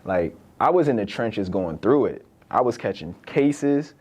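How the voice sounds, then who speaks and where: A man's voice: lowish voice, animated, measured pace, darkish tone, slightly rough, muffled recording. A young man, a podcast host from Virginia, talking in a loose, conversational solo monologue full of "like" and "right?". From born in the UK, raised in Virginia.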